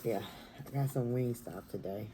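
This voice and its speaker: A woman, chatting casually while eating on camera in her dining room, talking softly and half-whispering. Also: very deep voice, normal speed, background noise. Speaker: mukbang vlogger.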